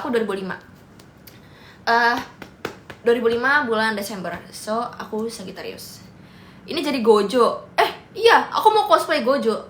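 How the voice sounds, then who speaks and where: A woman's voice: medium pitch, fairly bright tone. A young woman, hosting a casual livestream, reading and answering comments in a playful, teasing way and mixing in English. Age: young adult. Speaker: livestream host. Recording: echoey room with faint noise.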